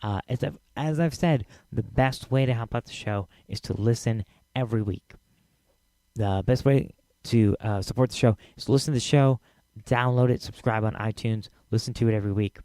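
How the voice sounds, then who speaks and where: Hosting a podcast on his own, a man talks casually with lots of fillers and repetition, his voice going scratchy as he loses it. It's medium-pitched and warm at a moderate pace, captured in clean studio sound with no echo.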